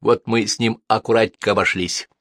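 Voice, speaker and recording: A man voicing a burly young male thug who talks roughly and brags about a beating he handed out. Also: on the low side, fairly even intonation, a little fast, a bit bright, no room sound, studio quality, voice pushed up. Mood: rough boastful. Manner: rough, swaggering street talk.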